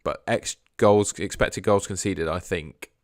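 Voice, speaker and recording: His throat is sore and his voice is going, so this young fantasy football stream host sounds a bit hoarse and low as he talks a little slowly with viewers. He hedges often and fades out quietly at the ends of phrases, captured in a dry, studio-quality recording.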